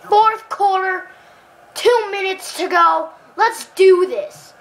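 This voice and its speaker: Woman, high-pitched, unhurried delivery, excitable gameplay commentary, chatty with viewers. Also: rough recording. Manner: excitable, cheers and groans at the game, chats to viewers. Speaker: gamer playing a football video game.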